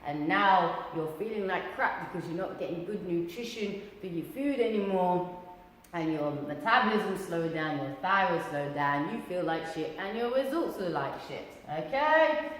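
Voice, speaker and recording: A bubbly, cheeky woman coaching on fitness, with a lively, bouncing pitch. She throws in whoops and asides as she talks. Her voice rings around an echoey hall with a long tail, and faint noise sits under it. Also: moderate pace. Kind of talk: casual fitness talk to camera.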